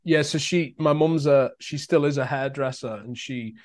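A man's voice: medium pitch, normal speed. A young man with a Liverpool accent, an actor chatting in an interview, telling stories with many fillers and restarts. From Merseyside, England. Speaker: actor guest. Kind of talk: casual interview chat.

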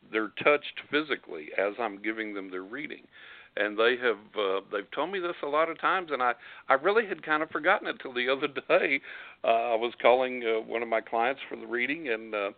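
A man's voice: mid-range voice, no room sound. Man, West Texas twang, distinctive drawl, folksy casual storyteller, dry phone-like sound. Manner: folksy, chuckles while telling anecdotes. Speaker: psychic giving readings as guest on a call-in show. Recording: narrow, phone-like line.

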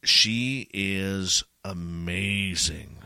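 Male, 40s, podcast host, very low and forceful-edged voice, dry sound, enthusiastic. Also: drawn-out words, creaky, clean tone, no room sound. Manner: enthusiastic, friendly, repeats himself. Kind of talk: casual podcast chat.

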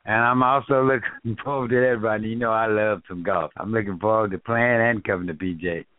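A man co-hosting a casual sports show, friendly and quick to laugh. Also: on the low side, steady tone, no echo. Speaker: co-host. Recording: dry, phone-like audio.

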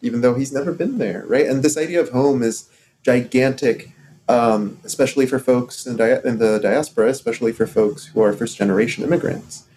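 A man from Morocco co-hosting a casual podcast discussion, talking in halting stops and starts with many fillers. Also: mid-range voice, warm tone, a little hiss or hum. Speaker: podcast co-host.

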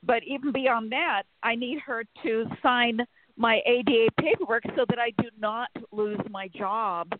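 Woman caller heard over a phone. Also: fairly high pitch. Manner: measured, spells out names letter by letter. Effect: heard over a phone line. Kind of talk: call-in chat with a psychic show. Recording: tinny, dry phone line.

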